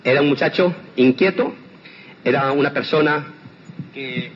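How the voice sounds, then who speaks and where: A man's voice: mid-range voice, unhurried. An older man from Spain speaking earnestly to an audience, giving a personal testimonial with rhetorical questions. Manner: earnest, addresses listeners directly with rhetorical questions. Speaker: motivational speaker. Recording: dull lo-fi sound with faint noise.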